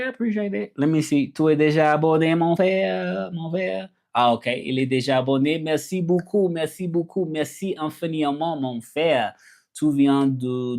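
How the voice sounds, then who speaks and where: A medium-pitched, darkish male voice belongs to a livestream host from the southern US with a Southern accent. The language content creator chats casually and colloquially, repeating phrases often and switching between English and French.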